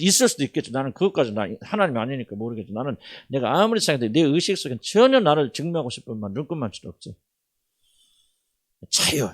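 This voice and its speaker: A middle-aged man preaching a sermon as senior pastor, asking the congregation questions and swinging from loud to soft. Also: a little high.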